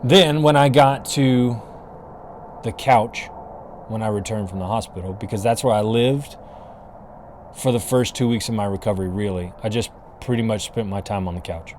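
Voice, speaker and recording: A man's voice: lowish voice, normal speed, a little mellow, slight background noise. A man hosting his own podcast outdoors in the cold, talking in an earnest, encouraging way with frequent restarts. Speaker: podcast host. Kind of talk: casual solo podcast talk. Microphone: camera and mic, filming himself.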